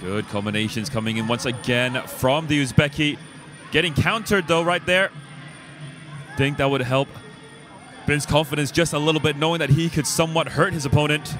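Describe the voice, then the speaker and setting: A man's voice: a little high, moderate pace, fairly bright tone, soft background music. A man giving live sports commentary as a fight commentator.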